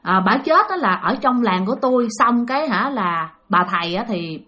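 Woman, Southern Vietnamese accent, ghost story narration, high animated voice, chatty. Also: normal speed. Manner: chatty, addresses listeners directly. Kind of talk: spooky story narration to listeners.

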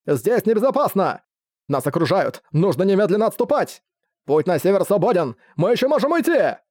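A man voicing panicked adult army officers who shout urgent reports and orders, in an audiobook. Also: sits high, very animated, fairly quick, no room sound, clean studio sound, pitched above the performer's own voice.

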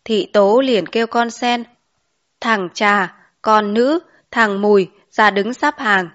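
A woman reading a classic novel aloud as an audiobook narrator, in an even storytelling manner. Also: medium pitch, slow. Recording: dull lo-fi recording.

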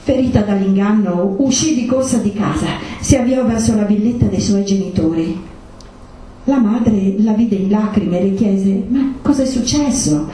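A woman reads a short story aloud at a book presentation, expressive and shifting into the quoted characters. Her voice is mellow rather than bright. She is heard from some distance, in a hall with heavy echo. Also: medium pitch, normal speed. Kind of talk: literary reading. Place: event hall. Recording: echoey hall, voice from far off.

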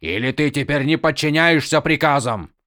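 A man voicing a stern, weary older male highlord who speaks firmly and scolds emphatically, in an audiobook. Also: animated, normal speed, pushed and bright, no room sound, studio quality. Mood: scolding. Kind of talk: audiobook character voice.

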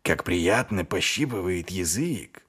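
A man voicing a gruff, sly middle-aged male watch commander who speaks with dry, mock-innocent menace. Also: sits low, expressive, slow, a bit bright, pitched below the performer's own voice, full character voice.

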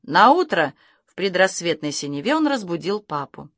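A woman reading a humorous story aloud as an expressive, playful audiobook narrator. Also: fairly low pitch, normal speed, no room sound, clean studio sound. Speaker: audiobook reader.

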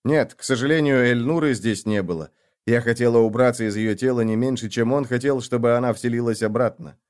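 A man's voice: medium pitch, fairly quick, darkish tone, smooth. A man narrating a fantasy audiobook in the first person, reading dramatically.

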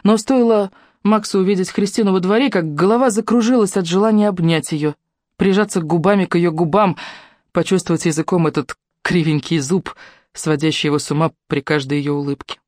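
Audiobook narrator, measured and steady, close dry mic. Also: medium pitch, no echo.

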